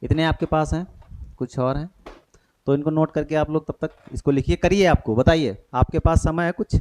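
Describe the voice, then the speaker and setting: A man's voice: a little high, moderate pace, a little mellow. A man teaching an exam-prep grammar lesson, often quizzing his students and checking they follow. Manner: questioning, repeats checks like "thik hai".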